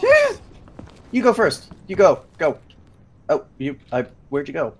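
A man's voice: fairly high pitch, huge pitch swings, measured pace, breathy edge. A young man chatting during a co-op war game, dry and joking, swearing when something startles him, on a headset mic. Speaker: gamer. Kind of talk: co-op gameplay chat.

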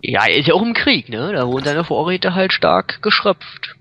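A man's voice: on the high side, very animated, normal speed, pushed and bright, highs cut off, a little hiss or hum. A man co-commenting on a horror game, chatty and explaining things at length. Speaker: let's play co-commentator. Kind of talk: casual gaming commentary.

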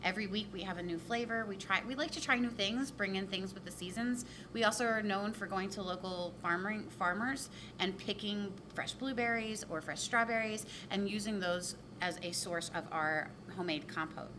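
A woman who co-owns a bakery, talking in a warm, chatty way in an interview inside her shop. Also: moderate pace, few pauses. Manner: warm and chatty, laughs easily. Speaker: bakery co-owner. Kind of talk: casual interview. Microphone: handheld reporter mic. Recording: noticeable background rumble.

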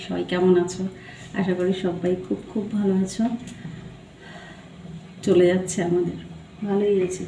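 Soft-spoken woman vlogging in a kitchen. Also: lowish voice, level tone, moderate pace, gravelly, long pauses, echoey room, a little hiss or hum, low-quality recording. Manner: talks softly, chatty and homely. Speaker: family vlogger. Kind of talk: casual vlog chat while cooking. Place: home kitchen.

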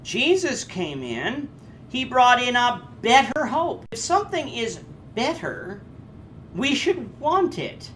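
A man in his thirties leads a Bible class with an earnest, explaining manner. His pitch swings widely as he talks, and he often stops and restarts. Faint ambient hum sits behind him. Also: takes it slowly. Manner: earnest, with lively rises in pitch and frequent hesitations. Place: indoors before a red curtain. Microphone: camera framed chest-up.

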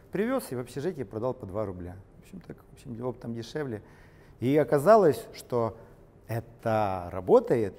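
A middle-aged man, a company co-founder, telling his story in an interview, lively and gesturing as he walks through large factory halls. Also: medium pitch, big-room sound. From Ukraine. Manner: animated, gesturing while walking and talking. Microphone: camera-mounted shotgun mic.

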